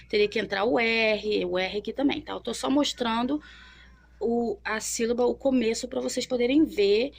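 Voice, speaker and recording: A young woman with a slightly raised pitch and a gravelly edge leads a children's reading lesson. She draws while she talks, sounds out syllables slowly and often checks that the listener is following. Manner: checks in often with tag questions. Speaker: teacher.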